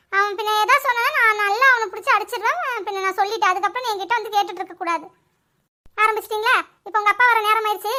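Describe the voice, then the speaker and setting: A woman voicing a hot-tempered cartoon mother who scolds her children quickly and sharply. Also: bright, forceful tone. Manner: scolding, rapid, shrill. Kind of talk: cartoon voice acting.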